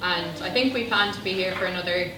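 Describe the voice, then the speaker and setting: A woman's voice: lowish voice, brisk. A young woman with a Cork Irish accent, a guest at an event, chatting casually with lots of ums. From Ireland (Cork). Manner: chatty, rambling, full of ums. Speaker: interview guest. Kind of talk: casual chat. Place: busy indoor function room. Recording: echoey room, distant mic, background noise.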